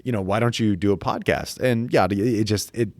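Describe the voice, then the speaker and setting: Male guest, 30s, low-pitched, dry close mic, easygoing anecdotal delivery. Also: a little fast, no echo. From United States. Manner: loose storytelling, laughs often, lots of fillers. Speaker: podcast guest. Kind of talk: casual interview chat. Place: private club room.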